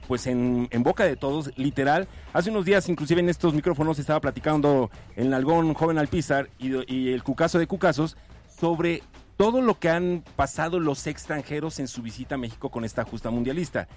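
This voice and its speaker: A man's voice: on the high side, fairly quick, darkish tone, soft background music. A man with a Mexican accent hosting a morning radio show from a studio, chatting in a rambling way with frequent restarts. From Puebla, Mexico. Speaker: radio host. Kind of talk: casual morning radio banter.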